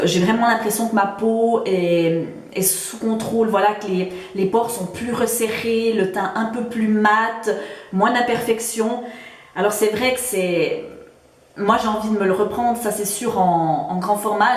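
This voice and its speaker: A beauty vlogger reviews her used-up beauty products in a relaxed, hesitant way, with plenty of fillers and restarts. She has a Swiss French accent and a mid-range, slightly mellow voice, heard with a roomy echo.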